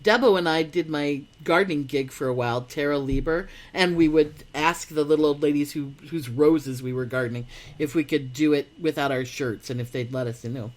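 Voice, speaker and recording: A woman talks in a relaxed, conversational way as she looks back on old times. Her stories are easygoing and unhurried. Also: low-pitched. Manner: nostalgic, easygoing storytelling. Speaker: co-host reminiscing. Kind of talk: casual chat.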